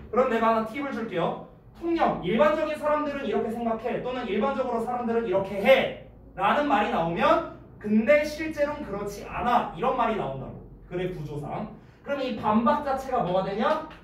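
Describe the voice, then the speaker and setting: A man tutors English in a casual, lively lecture. His high voice swings widely, and he checks often whether his students are following. He is heard from far off in a very echoey room with faint noise behind. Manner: keeps checking understanding with quick questions; lively, gives acted-out examples.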